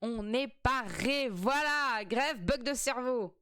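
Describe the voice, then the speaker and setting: A woman's voice: on the high side, expressive, slow pace, pushed and bright, a little hiss or hum. A woman streamer chatting casually and playfully while reacting to a TV quiz, swearing freely.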